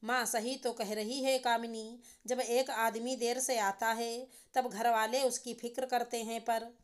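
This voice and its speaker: A woman's voice: on the high side, fairly bright tone, clean tone. A woman voicing a young husband who questions his wife curtly, then talks things through. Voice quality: curt, demanding. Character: worried, stern young husband.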